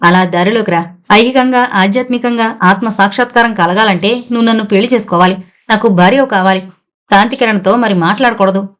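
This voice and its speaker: A woman's voice: mid-range voice, a little fast, a bit bright, natural voice. A woman voicing a scheming, lecherous male swami who preaches and threatens. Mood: leering. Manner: preachy, menacing.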